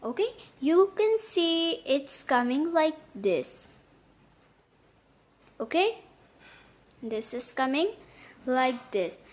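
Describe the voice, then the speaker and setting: A woman hosts a step-by-step tutorial in a high voice. She goes slowly, with halting phrasing that often repeats itself as she explains each step. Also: sing-song. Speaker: tutorial host. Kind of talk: step-by-step app tutorial narration.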